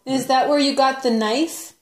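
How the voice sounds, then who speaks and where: A woman's voice: high voice, steady tone, moderate pace. A woman casually interviewing someone in conversation, asking questions and reacting briefly to the answers. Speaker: interviewer asking a relative about his past. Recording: echoey room, home recording.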